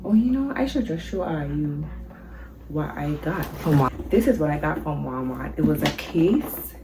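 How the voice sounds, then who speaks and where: A woman's voice: low voice, expressive, moderate pace, background noise. A young woman with a Virgin Islands accent, chatting nervously and casually to camera in her first vlog about her coloring hobby. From Saint Thomas, U.S. Virgin Islands. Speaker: coloring vlogger. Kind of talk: casual first-video introduction.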